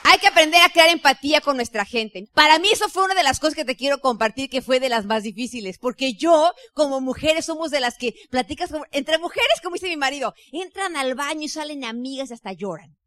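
Bright, high-voiced Mexican woman coaching. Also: a little fast, few pauses, no room sound. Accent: Mexican Spanish. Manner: lively, chatty, mimics voices in anecdotes. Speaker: network marketing team leader. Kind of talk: motivational business talk.

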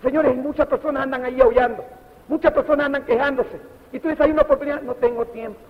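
In a dull, echoey hall recording, a middle-aged Panamanian man gives a preachy motivational speech. He speaks quickly in an extremely high voice with fairly even intonation, addressing the audience directly with rhetorical questions.

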